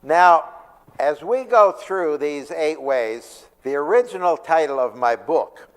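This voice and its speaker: Pastor in a reverberant church hall. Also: male voice, a little high, expressive, takes it slowly. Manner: conversational, asks the audience questions. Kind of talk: church seminar talk on stress. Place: church sanctuary.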